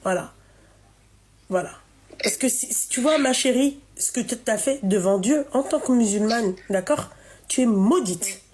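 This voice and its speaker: Femme aiguë qui sermonne avec insistance. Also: female voice, on the high side, unhurried, a little mellow, slight background noise. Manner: scolding, emphatic, repeats herself. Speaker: live stream host. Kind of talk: live call-in chat.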